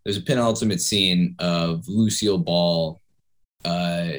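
Male co-host, lowish voice, blunt, profane, filler-heavy casual talker. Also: steady tone, a little slow. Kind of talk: casual chat.

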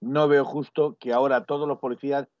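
A man's voice: mid-range voice, steady tone, brisk, a little mellow, dry recording. Firm man on a dry lo-fi line. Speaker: talk panelist. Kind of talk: casual discussion. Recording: dry, dull lo-fi sound.

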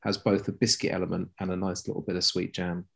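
A man chatting as a podcast guest, playful and self-deprecating, often pausing and restarting. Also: deep voice, monotone, gravelly, a bit bright. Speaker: guest, weather presenter. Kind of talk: casual podcast chat.

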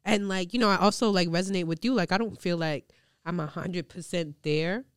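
A woman's voice: fairly low pitch, a little fast, clean tone. A young woman hosting a podcast, talking candidly in slangy casual chat with plenty of swearing, a little congested. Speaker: podcast host.

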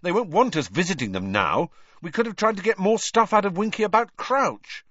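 A man's voice: sits high, expressive, brisk, fairly bright tone, no echo, voice pushed up. A slightly raised voice for a grumpy, irritable teenage boy, as a man reads him. The recording is dry and a little muffled. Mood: annoyed.

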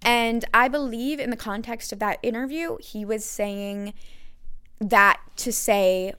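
A woman's voice: fairly high pitch, takes it slowly, sharp tone, clean tone. A woman hosting a solo podcast, talking candidly in a conversational way with frequent fillers and restarts, and a self-described sarcastic streak. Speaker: podcast host.

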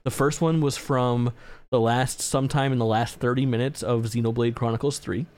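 A man in his twenties co-hosts a gaming podcast, his medium-pitched voice steady, moderately paced and a little mellow. He's laid-back, swears often and laughs easily through the casual chat.

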